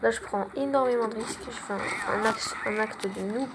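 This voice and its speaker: A woman's voice: on the high side, normal speed, noisy background. A young woman giving casual, self-mocking gameplay commentary, full of gamer slang. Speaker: gaming channel host.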